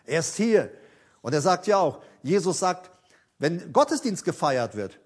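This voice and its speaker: Male preacher, high and animated pitch, fervent sermon delivery with sudden drops to a hush. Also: a little slow. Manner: fervent, swinging between loud emphasis and soft near-whispers. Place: church during a worship service.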